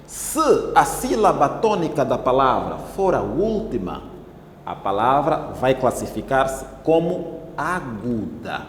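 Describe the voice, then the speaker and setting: Angolan guy teaching a class, slow careful syllables, roomy echo with faint hiss. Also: mid-range voice, sing-song. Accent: Angolan Portuguese. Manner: slow, deliberate, syllable-by-syllable explaining. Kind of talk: televised classroom lesson. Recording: echoey room with long reverb.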